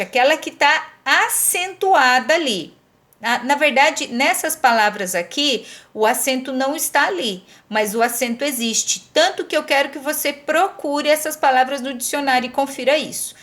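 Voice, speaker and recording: A Brazilian woman with a high, bright voice teaches a lesson at an unhurried pace. She explains each step patiently and keeps checking in with the listener as she goes. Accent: Brazilian Portuguese. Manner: patient, repeats "tá?" to check understanding. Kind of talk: recorded classroom lesson.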